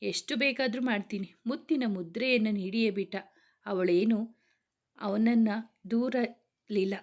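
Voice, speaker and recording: A woman narrates a romantic family story at a steady, even pace. She reads the dialogue of every character in her own everyday voice rather than acting it out. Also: medium pitch. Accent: Kannada.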